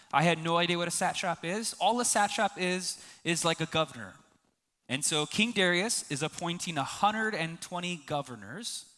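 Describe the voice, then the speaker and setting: A male pastor preaching a sermon, reading scripture with slow emphatic stresses, then explaining it casually with joking asides to the congregation. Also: high voice, sharp tone, in a large hall. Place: church sanctuary.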